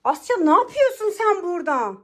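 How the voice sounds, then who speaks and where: In a home bedroom, a woman with a very high voice plays a worn-out, exasperated mother in a scripted family skit, alternately scolding and coaxing. Her pitch swings widely and she talks fairly quickly.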